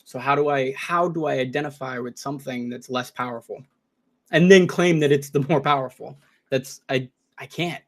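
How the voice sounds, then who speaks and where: A man's voice: medium pitch, normal speed. A man in casual podcast talk, earnest and searching, often restarting his sentences. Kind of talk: casual discussion.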